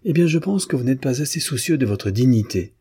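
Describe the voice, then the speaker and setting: Un homme lisant à voix haute qui prête sa voix à une jeune femme fière, au ton cinglant et dédaigneux. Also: male voice, mid-range voice, expressive, brisk, warm tone, breathy edge, pitched above the performer's own voice. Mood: scornful. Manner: cutting, disdainful. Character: proud young woman, scornful and calm.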